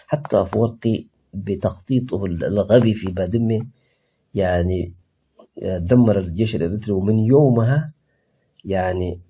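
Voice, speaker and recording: Impassioned husky man, halting restarts. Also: fairly low pitch, lo-fi sound. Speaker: political activist guest. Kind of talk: radio interview answer.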